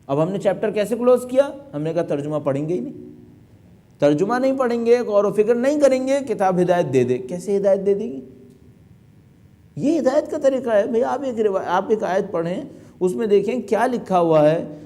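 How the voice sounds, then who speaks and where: A man's voice: high voice, lively intonation, mellow. A middle-aged male cleric preaching an emphatic sermon, full of rhetorical questions. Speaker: cleric delivering a majlis.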